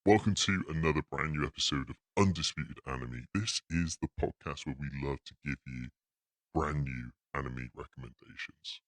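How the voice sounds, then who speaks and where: A man talking through a voice-changer effect that pitches him very deep. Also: moderate pace, no echo. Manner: trying out effects, hesitant.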